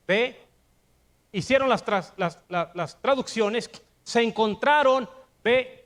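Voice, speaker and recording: An older man preaching a sermon in a Mexican accent, emphatic, with rhetorical questions and rising to shouts. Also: high-pitched. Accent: Mexican Spanish. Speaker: pastor.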